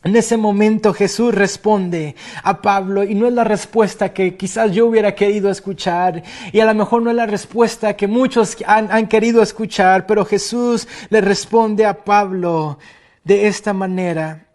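A man preaching a sermon to his congregation as pastor, slow and emphatic, building on repeated rhetorical questions. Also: sits high, fairly even intonation, darkish tone.

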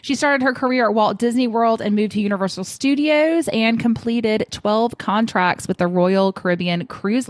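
This is a woman co-hosting a podcast, bubbly and full of jokes. Her voice sits in a middle pitch. The sound is dry and close. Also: no room sound. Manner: bubbly, joking banter. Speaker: podcast co-host. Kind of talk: casual podcast chat.

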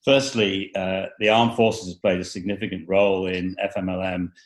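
Very low-voiced interviewer. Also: male voice, flat delivery, moderate pace. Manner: courteous, with restarts. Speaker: interviewer, chief executive. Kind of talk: remote interview. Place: remote call.

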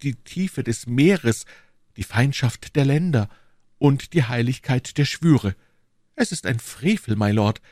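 A man reading an audiobook, voicing a proud, sorrowful young queen in a measured, earnest way. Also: mid-range voice, darkish tone, no room sound, studio quality, close to an everyday voice. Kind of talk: audiobook reading of a classic novel.

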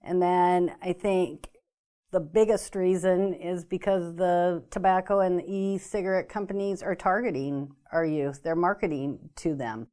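A woman's voice: on the low side, unhurried, warm tone. A woman explaining as a guest expert in a talk interview, careful and full of ums and restarts. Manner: hesitant, many ums and restarts. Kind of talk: informational talk show interview.

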